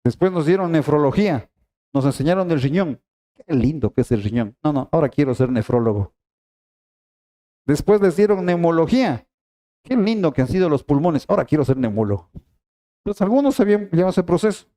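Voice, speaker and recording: A man's voice: on the high side, very animated, brisk, dark tone. A middle-aged man preaching a sermon, emphatic and repeating key phrases as he speaks straight to the congregation. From Ecuador.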